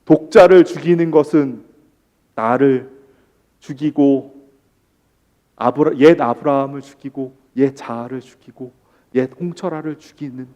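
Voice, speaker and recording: A man preaching a sermon as pastor, who moves between hushed, slow emphasis and loud, impassioned pleading. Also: on the high side.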